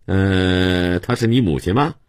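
A man's voice: sits low, unhurried, clean tone, no echo, studio quality. A man voicing a haughty adult male servant who talks down to a child in a teasing, condescending way.

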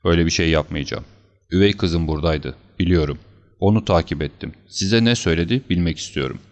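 A man's voice: sits low, brisk. A man voicing a furious, blustering old brute. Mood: angry threats. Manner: angry, blustering, shouting threats. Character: old, huge, violent male doctor, menacing. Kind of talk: audiobook character reading.

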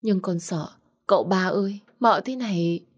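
A woman voicing a young female servant girl who pleads and tattles in a high, complaining voice, in a storybook reading. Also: moderate pace, husky, close to an everyday voice. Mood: tearful. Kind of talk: storybook narration.

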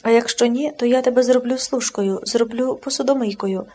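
A woman's voice: a little high, a little fast, breathy edge. A woman voicing a wealthy, hot-tempered young lady who snaps scornfully, in a storybook reading. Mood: furious. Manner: sharp, scornful outbursts.

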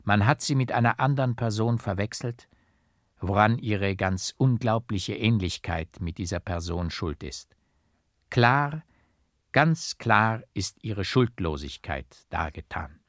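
A man playing a kindly judge announcing news with slow ceremony. The voice is low and dry, as in a close storybook reading. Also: lively intonation, a bit bright, no echo, exaggerated voice. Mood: ceremonious. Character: kindly solemn male judge.

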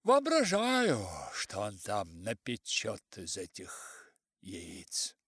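A man's voice: lowish voice, huge pitch swings, very slow, fairly bright tone, slightly rough, no echo, studio quality, heavily acted. A man voicing an irritable older professor who snaps scornfully. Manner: snappish and scornful.

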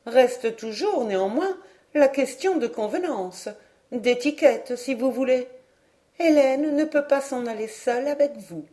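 A woman's voice: high-pitched, animated, unhurried, warm tone. A woman voicing an anxious, proper older aunt who speaks in a fretful, prim, exclaiming way in an audiobook.

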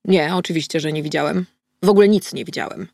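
A woman's voice: medium pitch, slow, mellow, dry recording. A woman voicing a big, sweating middle-aged man who answers bluntly and defensively for an audiobook. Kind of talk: audiobook character voice.

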